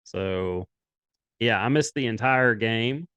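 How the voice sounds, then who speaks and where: A man's voice: mid-range voice, takes it slowly, clear, resonant tone, dry recording. Young guy co-hosting a sports pod, rambly casual chat, dry close sound. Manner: rambling, animated, quotes others in put-on voices. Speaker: sports podcast co-host.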